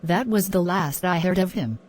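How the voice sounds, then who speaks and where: A woman's voice: lowish voice, moderate pace, darkish tone, lightly acted. A woman playing a hurt, frustrated girlfriend giving a statement in a murder mystery film. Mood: upset, resentful.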